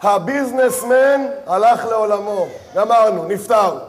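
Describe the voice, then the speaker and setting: A man, a rabbi, giving a sermon, speaking straight to his audience and telling the story with dramatic voiced asides. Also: high-pitched.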